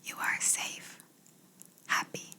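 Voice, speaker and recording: A woman whispering slowly in an ASMR video, guiding the listener through gentle imagination questions. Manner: slow soft whisper, asking gentle questions. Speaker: ASMR creator.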